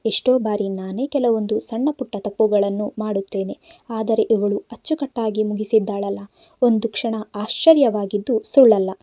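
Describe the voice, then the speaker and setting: Woman, storybook narration, very dark mellow voice, dry close sound. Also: medium pitch, normal speed, dry recording. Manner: reads a male boss's first-person story, voicing its characters. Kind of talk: Kannada audio novel narration.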